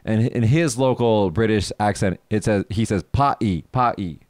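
A man's voice: on the low side, normal speed, mellow, no room sound. A man co-hosting a casual chat show, explaining things to listeners and laughing often. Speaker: podcast co-host.

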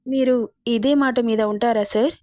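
A woman's voice: fairly high pitch, fairly even intonation, normal speed, warm tone, no echo, studio quality, natural voice. A woman voicing a defiant young heroine who pleads earnestly and indignantly with her boss in a romance story.

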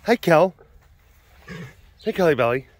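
A man in his later adult years, keeper and vlogger at a big cat sanctuary, films outdoors at the enclosures, speaking off camera into a handheld camera mic. His voice sits on the high side and is very animated, a little slow, and slightly hoarse with partial voice loss. He rambles and chats, murmuring baby talk to the animals, with no echo.

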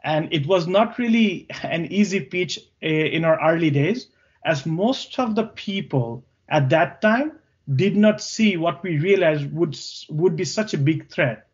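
This podcast guest, a Bangladeshi tech co-founder around forty who speaks Bangla natively and has a Bangladeshi accent, answers questions about his career a little slowly. His voice is slightly high with lively intonation, and the audio sounds dull.

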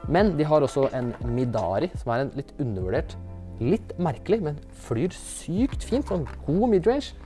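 A man on a disc golf store's staff, presenting the stock in a casual, relaxed and enthusiastic way, with lots of slang and fillers. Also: on the high side, faint music behind. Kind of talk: casual product walkthrough.

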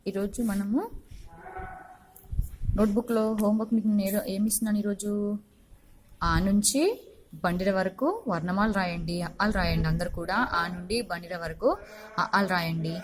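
A woman's voice: medium pitch, steady tone, normal speed, pauses often. Woman, primary teacher, recorded class, patient, repeats instructions, checks understanding. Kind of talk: recorded lesson for first graders.

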